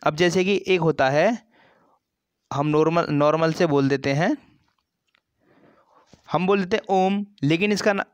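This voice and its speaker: A man with a Hindi accent teaches a grammar lesson for an exam, explaining slowly, repeating terms and drawing out sounds as examples. His voice sits on the high side, clear and resonant, with no echo.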